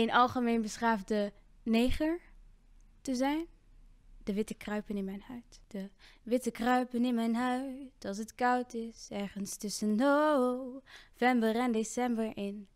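A woman performing her spoken word poetry, rhythmic and full of repeated lines, moving between loud and hushed delivery. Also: a little high, clear, resonant tone, no room sound, studio quality.

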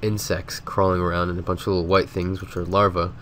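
A man's voice: deep voice, little pitch movement, brisk, a bit bright, a little hiss or hum. A man with a stuffy, sick nose, casually rambling through a game commentary voice-over with lots of filler words. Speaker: gaming video host.

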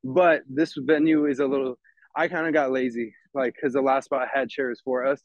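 A man's voice: mid-range voice, level tone, normal speed, dry recording, lo-fi sound. A man from Texas chatting casually, rambling and swearing freely while describing events he organizes. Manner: rambling, laid-back, swears a lot. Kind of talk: casual chat.

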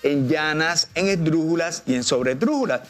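A man's voice: fairly high pitch, moderate pace, a bit bright, soft background music. A man with a Colombian Spanish accent, a teacher guest explaining in a patient, didactic way and drawing out example words. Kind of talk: explanatory TV interview.

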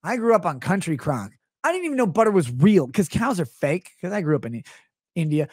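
A man's voice: high-pitched, very animated, brisk, darkish tone, husky, no echo. A man in his thirties hosting a live stream, ranting comedically and sarcastically on a close studio mic. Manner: sarcastic, rambling, jumps between voices. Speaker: streamer host. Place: small home studio room, indoors. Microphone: close studio mic on stand.

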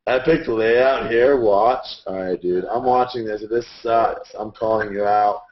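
Read the comments as an excitable young man, teasing, never still. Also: on the low side, measured pace. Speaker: co-host, former math teacher. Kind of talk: casual chat, reading viewer comments. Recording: muffled lo-fi audio.

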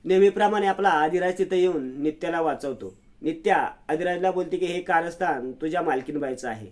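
A man's voice: fairly high pitch, a little fast. Man narrating a serial recap. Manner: plain storytelling recap.

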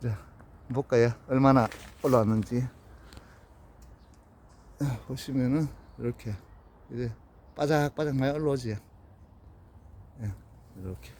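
A man with a Gyeongsang Korean accent, giving an unhurried, casual walkthrough of his plants outdoors and in a greenhouse. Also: mid-range voice, darkish tone, a little hiss or hum. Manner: plain, unhurried, pointing things out.

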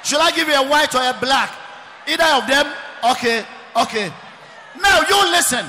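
A man preaches in a very high, bright, forceful voice, hammering points home and often breaking into shouts. His voice rings through a large church hall with a long reverb trailing each phrase. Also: animated, moderate pace, a little hiss or hum. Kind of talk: preaching sermon.

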